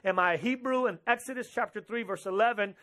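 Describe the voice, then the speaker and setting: High, bright-voiced young pastor preaching. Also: male voice. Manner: animated, gesturing preacher with quick quoted asides. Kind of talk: sermon. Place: church stage with drum kit behind, indoors.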